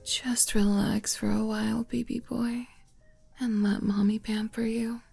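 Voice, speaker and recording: Woman acting motherly flirty pamperer, ASMR role-play, right-in-your-ear closeness, very slow, creaky edges, coaxing, doting. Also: on the high side, little pitch movement, faint music behind, exaggerated voice. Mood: tender, soothing. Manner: intimate close-up soft-spoken, as if right in the listener's ear; slow, coaxing, soft giggles.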